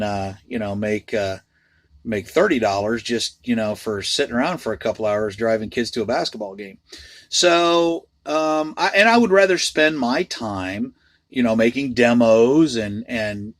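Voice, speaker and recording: A man chatting casually to his vlog audience, candid and self-deprecating as he rambles along. His voice sits in a middle pitch and sounds close and dry, with no room around it. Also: no room sound. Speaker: freelance voice actor.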